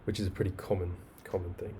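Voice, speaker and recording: A man teaching a live online coding class, explaining step by step in a relaxed, chatty way with asides and fillers. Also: deep voice, quick pace, vocal fry, husky. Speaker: coding bootcamp instructor. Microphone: webcam video call mic. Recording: faint background noise.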